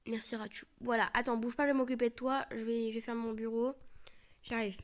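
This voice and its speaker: A woman's voice: fairly high pitch, level tone, brisk. A young woman giving casual let's-play commentary, chatty and playful, often dropping to a whisper. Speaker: gaming video creator.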